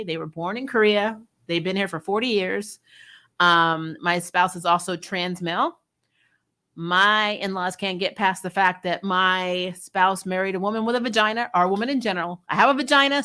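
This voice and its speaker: A woman hosts a TV review channel, giving casual, opinionated commentary on an episode. She talks candidly and emphatically, conversational with some mild swearing, in a lowish, bright, forceful voice.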